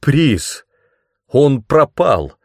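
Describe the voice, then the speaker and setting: A man's voice: lowish voice, expressive, a little slow, darkish tone, no echo, clean studio sound. A man reading aloud, voicing a young male apprentice magician who speaks in an anxious, exclaiming way. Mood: alarmed.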